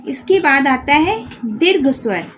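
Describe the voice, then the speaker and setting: A woman's voice: sits high, lively intonation, unhurried, fairly bright tone, a little hiss or hum, low-quality recording. A woman teaching a grammar lesson to children, calling out the letters one by one. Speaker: Hindi teacher. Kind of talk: slow classroom grammar lesson.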